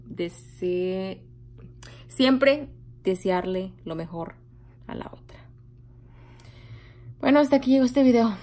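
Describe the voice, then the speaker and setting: A young woman talking straight to camera in a casual vlog, telling a story with lively emphasis and mocking others' gossip. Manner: animated, mocks gossip in a high voice. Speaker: vlogger.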